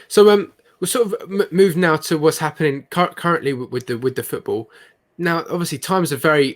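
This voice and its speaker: A man's voice: medium pitch, a bit bright. A man hosting an interview, asking casual questions and stumbling over the starts of his words. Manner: stammers and restarts his words. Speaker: podcast host.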